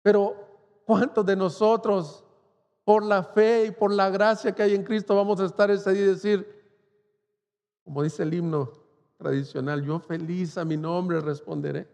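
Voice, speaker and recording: A man's voice: high-pitched, steady tone, measured pace, creaky, darkish tone, big-room sound. A man pastor from Mexico preaching an impassioned sermon, rising to fervent cries. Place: church.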